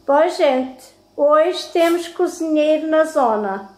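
In the echoey kitchen of her home, a middle-aged home vlogger with a European Portuguese accent chats casually and warmly with her viewers. Her voice sits high and sounds animated, though she talks at a slow pace.

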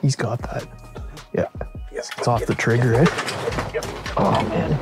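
A man's voice: medium pitch, slow pace, loud music behind the voice. A man in his thirties from Ontario, Canada, hosting an outdoor fishing vlog in an upbeat, chatty way, recorded on a camera mic out on a frozen lake and inside a small tent. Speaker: fishing channel host.

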